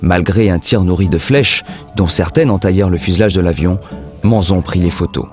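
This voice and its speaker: A man with a low voice narrates a documentary from a script. Faint music plays behind him as he reads in full, composed sentences. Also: normal speed, a little mellow.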